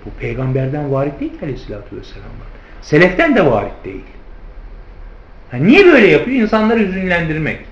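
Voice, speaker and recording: This theology teacher's voice is a bit high and quick, his pitch swooping wildly as he comments on hadith. He calls his audience friends and keeps raising rhetorical questions only to answer them. The room sounds spacious and the recording slightly dull.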